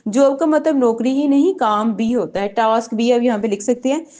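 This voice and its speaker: A woman's voice: fairly high pitch, a little fast, dark tone. A woman teaching English vocabulary in an online lesson, patiently repeating words and checking that listeners follow.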